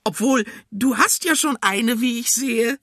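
A man voicing a shrill, cheeky old woman, a cucumber witch in a children's radio story, with a nagging, scolding manner. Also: measured pace, sharp tone, no room sound, studio quality, full character voice.

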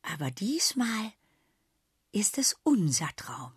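A woman's voice: lowish voice, unhurried, slightly rough, no room sound, clean studio sound. A woman doing a cheeky little girl animal. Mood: sly. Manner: playful, hissing. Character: small clever female animal, cheeky and brave.

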